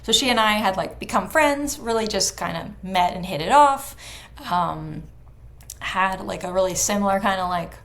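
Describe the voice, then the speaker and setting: A woman's voice: mid-range voice, lively intonation, normal speed, fairly bright tone. A young woman, a fiddler, chatting casually in an interview with lots of "like" fillers. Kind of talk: casual conversation.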